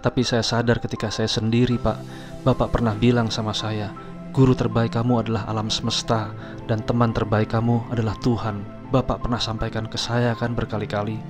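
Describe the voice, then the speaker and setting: A man's voice: on the low side, flat delivery, fairly quick, natural voice. A man voicing a humble, earnest young assistant. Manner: polite, deferential, sincere. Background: background music.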